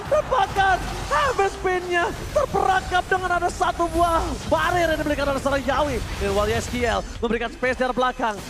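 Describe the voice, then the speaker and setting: A man with an Indonesian accent calling a live esports match like a hyped fighting game announcer, dramatically shouting out the kills. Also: very high-pitched, fairly quick, hardly any pauses, very noisy. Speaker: esports play-by-play caster. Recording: loud music behind the voice. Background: music.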